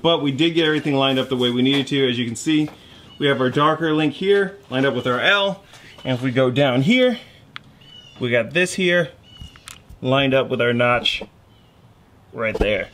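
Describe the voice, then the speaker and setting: A man's voice: mid-range voice, a bit bright, slight background noise. A man in his thirties casually explaining an engine rebuild step by step in his home garage, his voice picked up by the camera mic while he works. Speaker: garage mechanic host. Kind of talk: casual how-to narration.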